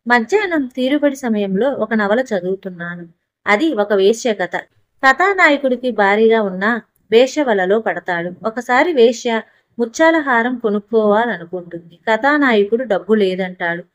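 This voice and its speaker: Higher-voiced woman narrating a story. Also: no echo. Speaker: audiobook narrator. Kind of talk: first-person story narration.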